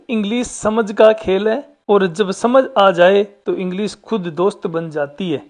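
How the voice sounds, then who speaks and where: A woman teacher, patiently explaining a workbook lesson step by step and talking straight to the children. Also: fairly high pitch.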